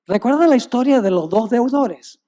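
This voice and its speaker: A man's voice: extremely high pitch, animated, normal speed, mellow. Male pastor giving a sermon, emphatic, talks right to the crowd. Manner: emphatic storytelling, addresses the audience directly.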